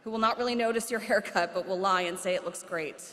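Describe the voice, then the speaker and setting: A middle-aged woman giving a prepared commencement speech at a podium, measured with light humor. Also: medium pitch, fairly bright tone. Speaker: commencement speaker. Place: large hall. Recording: hall with long reverb.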